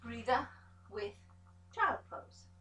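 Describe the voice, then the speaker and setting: A woman pilates instructor giving calm step-by-step cues to an exercise class, encouraging as she goes. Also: a little high, slow, recorded from a distance, noisy background. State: out of breath at times. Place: pilates studio room. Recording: echoey studio room, voice from off the mic.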